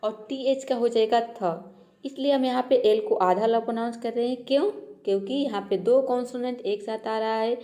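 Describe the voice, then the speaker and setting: Woman teacher, slightly high voice, mellow tone, patient step-by-step explaining. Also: normal speed. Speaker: English teacher. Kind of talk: spoken pronunciation lesson.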